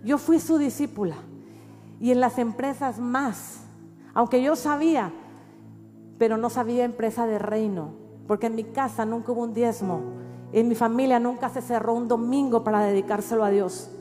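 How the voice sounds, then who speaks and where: A middle-aged woman pastor with a Mexican accent, telling a testimony in a sermon with animated storytelling that rises at times to shouts. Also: fairly high pitch, moderate pace. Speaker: pastor and prophet. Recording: reverberant hall with faint music.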